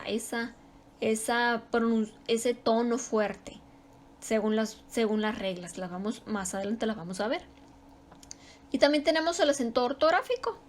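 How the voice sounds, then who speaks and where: A woman teaching a grammar lesson, explaining slowly and repeating example words with strong stress. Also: fairly high pitch.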